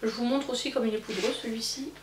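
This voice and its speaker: A woman's voice: a little high, steady tone, fast talker. A woman in her thirties, a beauty vlogger chatting casually and rambling with many fillers while doing her makeup. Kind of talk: casual get-ready-with-me chat. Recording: echoey room, mic at a distance, faint hum.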